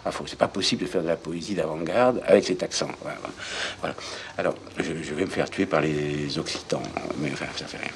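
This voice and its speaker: An older man from southwest France being interviewed, talking reflectively and haltingly, restarting his sentences as he thinks aloud. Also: a bass voice, slight background noise.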